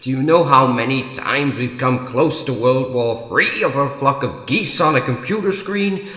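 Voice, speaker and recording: A man playing a manic, mocking comic-book clown villain in a theatrical monologue, with taunting, drawn-out delivery. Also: medium pitch, bright, forceful tone, voice pushed up, close to an everyday voice. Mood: manic, gleeful. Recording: echoey room with long reverb.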